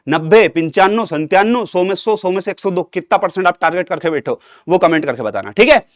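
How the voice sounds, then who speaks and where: A man's voice: on the high side, a bit bright, dry recording, studio quality. A young man teaching an exam-prep lesson, talking to students like an elder brother and repeating himself with rhetorical questions.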